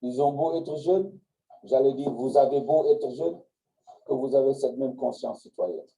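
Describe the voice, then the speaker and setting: A man's voice: mid-range voice, unhurried, mellow, poor audio. A man, a public official, giving a solemn and emphatic formal address.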